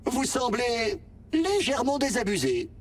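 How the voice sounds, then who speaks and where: A male voice plays a sentient vending machine in a French-language video game, sounding wry, candid and gentle. The full character performance is unhurried and theatrically expressive, with big pitch swings and a breathy edge, and it comes across as polite and slightly distant.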